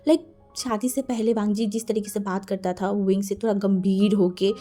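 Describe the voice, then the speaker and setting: A woman's voice: medium pitch, fairly even intonation, normal speed, dark tone, soft background music. A woman casually narrating fan fiction, chatting with asides to the listener. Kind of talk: casual storytelling in mixed Hindi and English.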